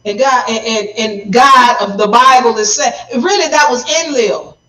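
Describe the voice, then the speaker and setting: A woman's voice: on the high side, pushed and bright, roomy sound, recorded from a distance, rough recording. A woman hosting a livestream, explaining her point in an emphatic, lecturing way. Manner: emphatic, lecturing, speeds up and slows down for stress. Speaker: livestream host. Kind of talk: livestream commentary. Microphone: phone.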